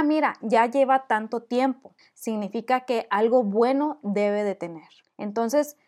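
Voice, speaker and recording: A woman's voice: on the high side, darkish tone. Upbeat woman podcast host. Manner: encouraging, conversational, builds points with repeated phrases. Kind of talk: solo podcast advice talk.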